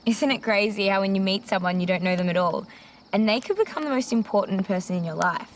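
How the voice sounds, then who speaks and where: An actress plays a reflective teenage girl who muses dreamily about life and love, and sounds a little prim when she is shocked. Her voice is mid-pitched. Faint crickets chirp behind her in the night air. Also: fast, slight background noise, lightly acted. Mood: musing. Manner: reflective, musing, and sometimes prim. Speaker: high school student. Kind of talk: film dialogue.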